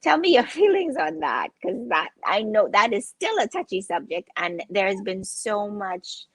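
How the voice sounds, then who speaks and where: A woman's voice: mid-range voice, very animated, moderate pace, no echo. A woman hosting a casual interview, encouraging her guest with frequent affirmations. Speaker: host.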